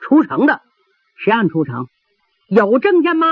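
A bullying gate soldier, put on by a woman storyteller, barking rough demands in a raised, husky voice. The recording is dry and phone-thin. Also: on the high side, wildly swooping pitch, moderate pace, no echo, lo-fi sound, pitched above the performer's own voice, exaggerated voice. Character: bullying male gate soldier, short-tempered.

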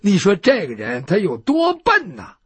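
A sharp-eyed, jovial sworn brother in a spoken tale talks in a lively, husky voice that leaps up and down, as a male storyteller puts him on. He sounds mocking and confiding, and the sound is close and dry. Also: high-pitched, unhurried, no room sound, exaggerated voice. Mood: amused.

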